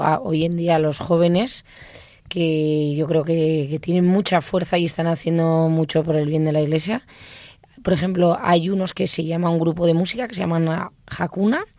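A woman's voice: fairly low pitch, darkish tone, no echo. A middle-aged woman, a mother, chatting as a guest on religious radio, eager and talkative.

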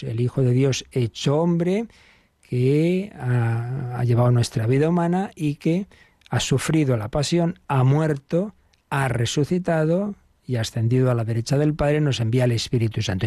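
A man's voice: medium pitch, a little mellow, dry recording, studio quality. A man giving a catechism lesson, explaining patiently with rhetorical questions and frequent restarts. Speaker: priest teaching the catechism.

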